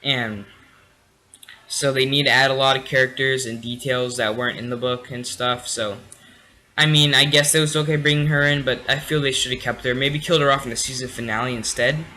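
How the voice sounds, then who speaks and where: A man's voice: mid-range voice, fairly even intonation, fairly quick, sharp tone, rough recording. A tired young man casually reviewing a TV episode late at night, rambling with many fillers and restarts. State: tired, yawning.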